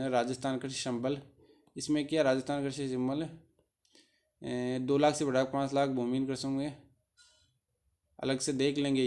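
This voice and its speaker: A man's voice: mid-range voice, warm tone. Man reading a state budget aloud for students. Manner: reads aloud haltingly, then adds casual asides. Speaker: exam-prep teacher. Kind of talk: reading and explaining a budget document.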